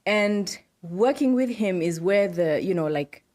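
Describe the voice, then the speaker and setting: A middle-aged woman from Zimbabwe, a podcast guest explaining her work in a relaxed interview, often affirming with "right" and "yes". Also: medium pitch, a little slow. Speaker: podcast guest, data protection officer. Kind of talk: casual interview talk.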